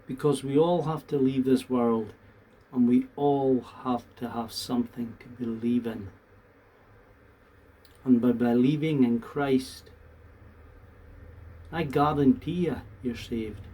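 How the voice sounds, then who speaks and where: Mellow man, distant mic. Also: medium pitch, steady tone, slow pace, pauses often. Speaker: vlogger. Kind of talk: casual monologue to viewers. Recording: distant mic, faint background noise.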